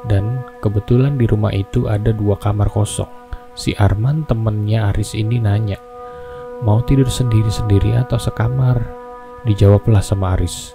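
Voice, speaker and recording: Low creaky-voiced man telling horror stories. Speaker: host reading horror stories. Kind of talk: casual horror storytelling, reading aloud with asides. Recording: music bed under the voice. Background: background music.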